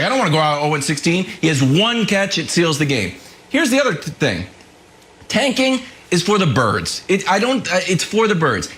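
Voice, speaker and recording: A man with a fairly high voice argues his side on a sports talk show. He is animated and playful, poking fun at the other side as he lays out his case. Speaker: sports debate show co-host. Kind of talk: heated sports debate.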